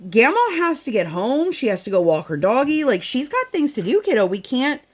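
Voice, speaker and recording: A woman with a fairly high, sing-song voice speaks a little quickly as she crafts and tells meandering family stories. A mother and vlogger, she's chatty and casual at home, leaning on fillers and performing quotes.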